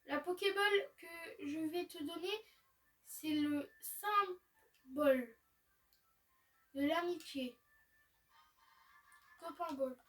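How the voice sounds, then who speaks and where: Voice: very high voice, very slow, long pauses, fairly bright tone, recorded from a distance, faint music behind, full character voice. A gamer reading aloud the lines of a boastful, cheerful teenage rival in a video game. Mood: cocky.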